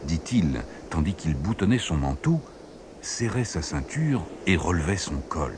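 Deep, theatrical male storyteller. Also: sing-song, a little slow, noisy background. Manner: theatrical, acts out each character. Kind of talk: expressive storybook narration. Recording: background music under the voice.

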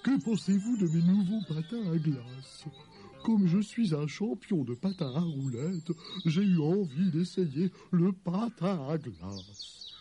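A man voicing a clumsy, cheerful male lion king in a children's audio story, speaking slowly and earnestly. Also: fairly high pitch, animated, dark tone, faint music behind. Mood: proud. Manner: slow, earnest, eager.

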